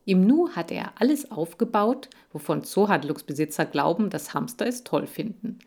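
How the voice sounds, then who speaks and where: A woman reading a children's story aloud to young listeners. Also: on the low side. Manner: slow, lively expressive reading. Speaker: audiobook reader.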